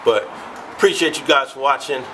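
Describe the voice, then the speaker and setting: A congested man hosts his car channel, his nose stuffed up from a cold. He talks loosely and slowly, with little energy, his voice pitched in an ordinary middle range. A faint hum of background noise sits behind him. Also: sharp tone, rough recording. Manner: low-energy, slow and loose, winging it. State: stuffed-up nose from being sick. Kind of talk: casual do-it-yourself car vlog.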